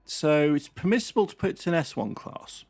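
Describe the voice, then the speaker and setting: A man's voice: a little high, big pitch swings, a little fast, creaky, darkish tone. A man giving casual, chatty running commentary while playing a racing game. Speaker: gaming channel host.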